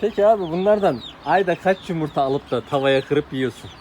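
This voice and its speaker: Man, slightly high voice, casual talk to viewers, questions, outdoors with chickens, clear background noise. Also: lively intonation, brisk, a little mellow. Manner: asks many questions, addresses viewers directly. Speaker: channel host interviewing a poultry keeper. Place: outdoor garden with poultry. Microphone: handheld phone camera.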